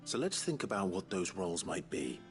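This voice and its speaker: A deep calm mentor type, formal n patient, expressive delivery, fantasy drama w music behind. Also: male voice. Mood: patient, instructive. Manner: measured, gently instructive, formal. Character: calm, courteous man, patient guardian and mentor to youngsters. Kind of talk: scripted fantasy drama acting.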